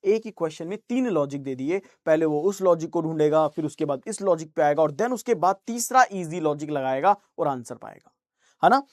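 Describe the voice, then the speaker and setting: A man's voice: fairly high pitch, animated, fairly quick, no room sound, clean studio sound. A man teaching an online reasoning class, answering students' chat questions in a reassuring, coaxing way and slipping English phrases into his talk.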